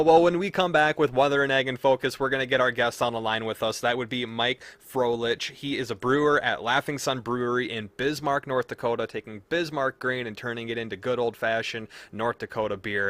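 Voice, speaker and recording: A man's voice: medium pitch, fairly quick, hardly any pauses, a bit bright, no room sound. A man hosting a farm radio show casually, with a jovial, chuckling manner.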